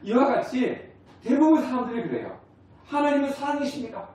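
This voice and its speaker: A man's voice: very high-pitched, sing-song, a little fast, a little mellow. A male pastor preaching a conversational sermon, asking the congregation questions and acting out family dialogues. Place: church sanctuary. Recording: very echoey hall, distant mic.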